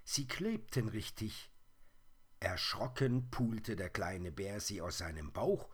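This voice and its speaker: Male storyteller, children's story, lowish voice, lively intonation, gentle. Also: slow pace, breathy edge.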